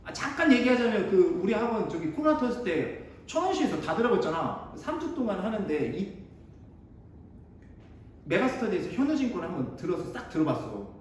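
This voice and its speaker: Lively high-voiced male teacher, echoey classroom. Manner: chatty, digressive, bantering with students in casual speech. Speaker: math academy teacher. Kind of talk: casual classroom lecture. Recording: echoey room, mic at a distance, faint noise.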